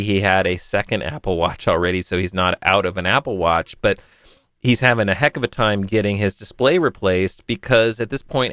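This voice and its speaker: On a casual tech podcast, a male host answers a listener, chatting and rambling a little. His voice is low yet fairly bright, clear and resonant, recorded in clean studio sound without room noise.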